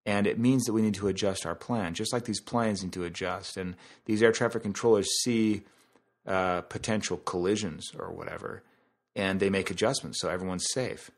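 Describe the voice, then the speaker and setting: A podcast host with a low-sitting voice talks at a normal pace and steady tone. His casual, conversational monologue explains things through analogies and asides.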